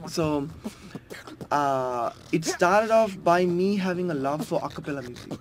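A man's voice: fairly high pitch, lively intonation, a little slow, noisy background. A man in his twenties, a beatboxer, explaining his craft in easygoing talk with frequent fillers and restarts. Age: 20s. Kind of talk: casual interview talk.

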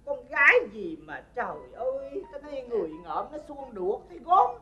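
A woman's voice: high-pitched, very animated, moderate pace, sharp tone, highs cut off, full character voice. A woman playing a fussy, picky older mother in a comedy sketch, scolding her son in an exaggerated, nagging way with a Southern Vietnamese accent.

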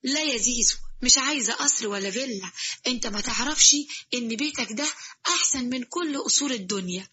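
A woman voicing a gentle, devoted young wife who speaks softly and affectionately in Egyptian Arabic. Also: a little high, expressive, brisk, husky, muffled recording, full character voice. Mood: tender. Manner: soft, affectionate.

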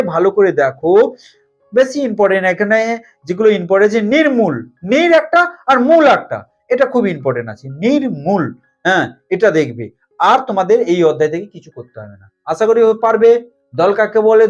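A man teaching an exam-focused grammar lesson, asking questions and answering them himself. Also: sits high. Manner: asks students questions and answers them himself, repeats key terms. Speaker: tutor. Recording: slightly dull lo-fi sound with faint music.

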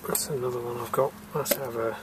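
A man with a medium-pitched, steady voice talks fast in a very noisy yard, casually narrating hands-on work. He's a refrigeration technician recorded outdoors on a camera mic, thinking aloud in a matter-of-fact way with fillers.

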